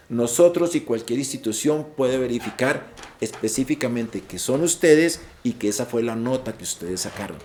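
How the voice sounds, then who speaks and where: A man's voice: medium pitch, darkish tone, slight background noise. Emphatic man explaining exam facts. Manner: emphatic, repeats key points. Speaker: IELTS presenter. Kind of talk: informative online session.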